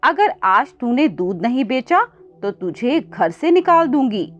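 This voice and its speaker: A woman's voice: fairly high pitch, big pitch swings, measured pace. Woman doing a scolding greedy old mother-in-law. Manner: scolding, bossy. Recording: dull lo-fi with faint music.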